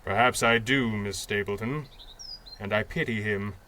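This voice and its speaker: An actor playing a calm, principled masked superhero in a radio drama, speaking in a measured, articulate, earnest way. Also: male voice, on the low side, slight background noise. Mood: thoughtful, earnest. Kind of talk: 1930s-set radio drama acting.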